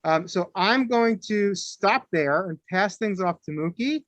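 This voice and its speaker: Speaking through a camera microphone, a rabbi acting as host introduces a guest on a video call in a chatty, halting way full of fillers, with people in the room behind him. His high voice has lively intonation, a measured pace, a bit of brightness, and no echo.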